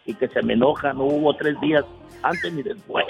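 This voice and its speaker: A man's voice: on the high side, brisk, vocal fry, soft background music. A man calling in to a radio show, telling his story with many restarts. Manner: hesitant, repeats words, storytelling. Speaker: caller. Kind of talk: call-in radio chat.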